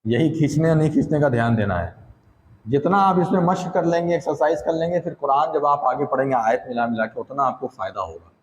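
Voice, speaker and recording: A man's voice: fairly high pitch, lively intonation, fairly quick, in a large hall, a little hiss or hum, poor audio. A man teaching Quran reading step by step, stretching out each syllable in drills and then explaining them in plain everyday speech. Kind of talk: step-by-step recitation lesson. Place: classroom or room with a board.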